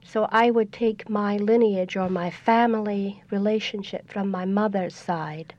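An older woman with a Scottish accent, a guest on a radio interview, explaining things in a measured, storytelling way. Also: mid-range voice, fairly even intonation, a little mellow. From Scotland. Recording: dull lo-fi radio recording.

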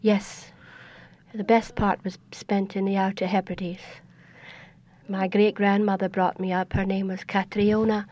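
A woman's voice: mid-range voice, level tone. Older Scottish woman, lo-fi radio. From Scotland. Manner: measured, explanatory storytelling. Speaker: guest. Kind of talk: radio interview. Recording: dull lo-fi radio recording.

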